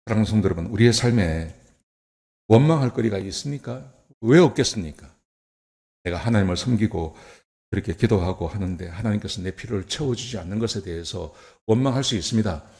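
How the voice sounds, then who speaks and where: Preaching in a church, a male pastor delivers his sermon conversationally, posing rhetorical questions and swinging between soft and emphatic. His voice is on the low side, and he speaks in a brisk, animated way.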